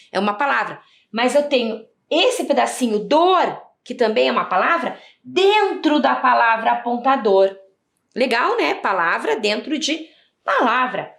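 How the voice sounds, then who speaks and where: A Brazilian woman teaching a video reading lesson to young children, stretching out syllables and asking sing-song questions. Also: fairly high pitch. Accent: Brazilian Portuguese. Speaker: primary school teacher.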